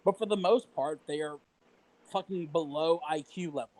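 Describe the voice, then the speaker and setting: A man's voice: a little high, moderate pace, darkish tone, low-quality recording. A man co-hosting a casual livestream chat, ranting heatedly with profanity and mocking quotes. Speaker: livestream co-host.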